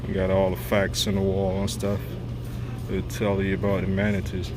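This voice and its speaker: A man giving casual, unhurried vlog narration in an informal way, addressing viewers as he shows them around. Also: completely flat delivery, over music. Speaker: vlogger showing a family attraction. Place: busy public wildlife viewing area. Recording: loud outdoor ambience and vehicle rumble.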